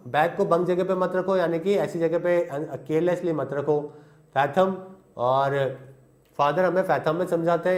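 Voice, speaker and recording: A young man with a slightly high, somewhat mellow voice teaches English vocabulary in Hindi. He offers memory tricks and asks questions that he then answers himself.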